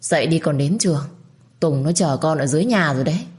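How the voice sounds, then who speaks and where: A woman's voice: deep voice, animated, quick pace, a little mellow. A woman voicing a mother who nags her daughter to get up for school. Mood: nagging. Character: mother waking her grown daughter, scolding mildly.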